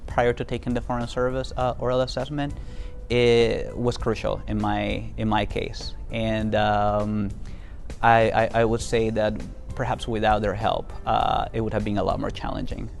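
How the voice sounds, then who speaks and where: A man's voice: on the low side, flat delivery, moderate pace, gravelly, soft background music. A young man from Venezuela giving an interview about his work as a diplomat, talking earnestly with many fillers and restarts. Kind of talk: casual interview talk.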